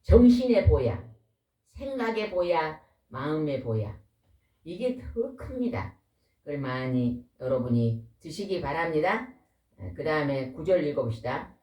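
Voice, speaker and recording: A woman's voice: low voice, measured pace, recorded from a distance. Folksy woman preaching in an echoey hall. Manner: lively, folksy, asks the congregation questions. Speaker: pastor's wife preaching. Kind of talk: sermon. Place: church hall.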